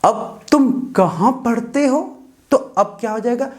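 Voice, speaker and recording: A teacher explaining English grammar in Hindi, repeating example sentences slowly word by word and often checking in. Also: mid-range voice.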